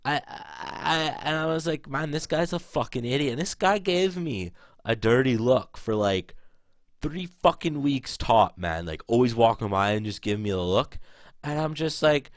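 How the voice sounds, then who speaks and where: A man's voice: medium pitch, very animated, unhurried, dry recording, studio quality. A young man telling a story to camera in a rambling, profane, casual way, full of "like" fillers. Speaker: vlogger.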